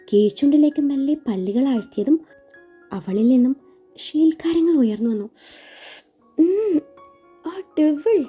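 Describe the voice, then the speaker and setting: A woman reading a romantic story aloud in a soft, emotional way and voicing the characters' lines. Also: on the high side, husky. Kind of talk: scripted romance story narration with character voices. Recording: dull lo-fi recording with faint music.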